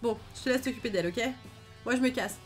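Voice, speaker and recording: A woman's voice: a little high, fast, faint music behind, lightly acted. A woman voicing a cocky young female gang grunt in a game, with a bratty, mocking put-on accent. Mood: smug.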